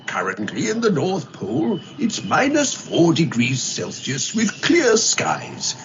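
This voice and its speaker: An actor playing a jolly old Santa Claus, with a husky voice, hearty ho-ho-ho laughs and a slow, sing-song delivery, heard through a smart speaker. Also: male voice, fairly high pitch, huge pitch swings, slight background noise, full character voice. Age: older. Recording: muffled lo-fi playback from a smart speaker.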